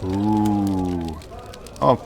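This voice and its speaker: A man's voice: lowish voice, extremely slow, over loud music. A man hosting a let's play, reading adventure gamebook text aloud with frequent stumbles and restarts, then chatting casually and self-deprecatingly between passages.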